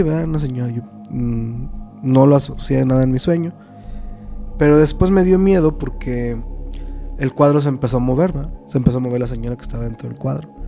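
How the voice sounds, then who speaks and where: A man's voice: medium pitch, warm tone. A man with a Mexican accent, a podcast guest telling a story casually, hesitant and full of fillers.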